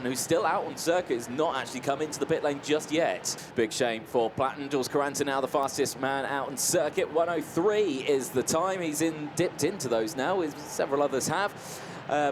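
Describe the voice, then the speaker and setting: A man's voice: a little high, noisy background. A man giving live kart race commentary as a motorsport co-commentator, in a running, conversational play-by-play.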